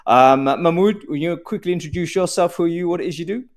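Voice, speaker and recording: A man's voice: on the high side, fast. A man hosting a casual live online panel, chatty and easygoing, with plenty of fillers and restarts, over a video call. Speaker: host.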